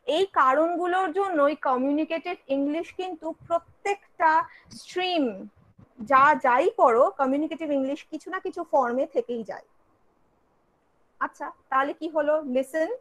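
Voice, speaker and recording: A woman's voice: sits high, a little slow, a bit bright, poor audio. A woman teacher with a Bengali accent giving an online English class, switching between Bengali and English and asking and answering her own questions.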